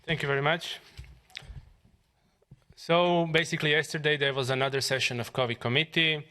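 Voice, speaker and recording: A Croatian member of parliament, speaking with a Croatian accent, delivers a press conference statement haltingly, with fillers and restarts. His voice is on the high side, steady yet sharp in tone.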